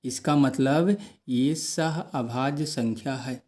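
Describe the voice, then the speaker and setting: A man's voice: mid-range voice, takes it slowly, darkish tone. A man teaching a math lesson, posing questions to the class and answering them himself.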